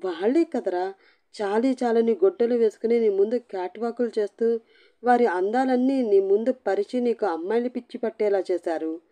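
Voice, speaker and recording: A woman voicing a young bride who sobs and scolds in a shrill, cursing tirade. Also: warm tone, lightly acted.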